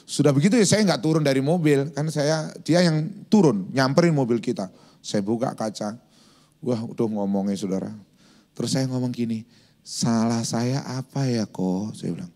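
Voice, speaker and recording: A male pastor preaching a sermon in a lively storytelling manner, acting out quotes and sound effects. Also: fairly high pitch.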